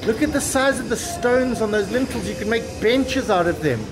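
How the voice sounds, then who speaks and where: This travel vlogger, a man in his fifties, sounds very high-pitched and animated at normal speed as he tours a windy outdoor shopping terminal, chuckling and exclaiming in casual chat. The rough recording carries background music, wind, street noise and crowd.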